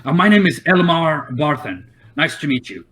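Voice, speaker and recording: A man's voice: a little high, big pitch swings, moderate pace, fairly bright tone. A man voicing an eager balding shopkeeper. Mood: welcoming. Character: lean balding middle-aged human shopkeeper, eager.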